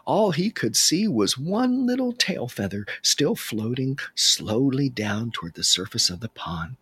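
A man telling an animal tale aloud, expressive and slipping into whispers for suspense. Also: medium pitch, unhurried, no room sound. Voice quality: husky. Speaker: storyteller. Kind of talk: animated oral storytelling.

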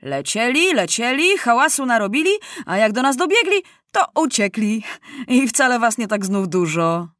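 Brief: woman voicing jeering soldiers, raised pitch, storybook, dry sound. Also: big pitch swings, moderate pace, a bit bright, no echo. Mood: mocking. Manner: mocking. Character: mocking enemy soldiers, men.

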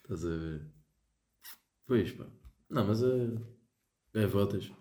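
A young man with a European Portuguese accent chats in a slangy way among friends. His voice sits low and soft-edged, with a dark tone, and the room rings around it. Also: lively intonation, slow pace. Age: young adult. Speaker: podcast co-host. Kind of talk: casual chat among friends. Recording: roomy, echoing room sound.

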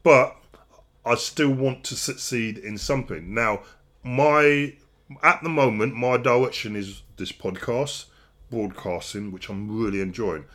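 Middle-aged guy on a podcast, rambly, keeps restarting, pokes fun at himself, ordinary pitch. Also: unhurried, a bit bright. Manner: rambling, restarts often, self-mocking asides. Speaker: podcast host. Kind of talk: casual podcast chat.

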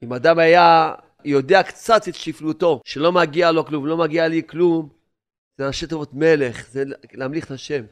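A man preaching a sermon, telling stories and swinging between loud urging and hushed asides. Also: fairly high pitch, steady tone, clear, resonant tone.

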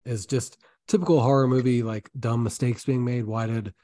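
A mellow-voiced man in casual podcast chat. He jokes and gets exasperated over characters' choices, speaking at an easy, everyday pitch. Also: normal speed. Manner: animated, joking, exasperated rants about characters. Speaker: podcast co-host. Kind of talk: casual movie review chat.

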